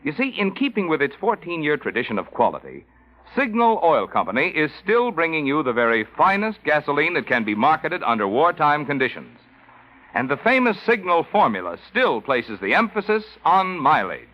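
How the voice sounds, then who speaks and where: A male announcer delivers a persuasive sponsor read in a raised, lively voice. The old broadcast sounds dull and muffled. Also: moderate pace. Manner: smooth, persuasive pitch. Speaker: radio announcer. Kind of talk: scripted commercial announcing. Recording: dull 1940s radio recording.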